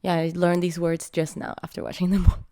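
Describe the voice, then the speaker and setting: A woman vlogger speaking in a casual, candid way, her voice worn from being sick, blunt and quick to swear as she gives her opinion. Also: on the low side, level tone, warm tone, no room sound, studio quality. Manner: frank, frustrated, self-mocking. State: sick, voice strained by illness. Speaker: vlogger reviewing a film.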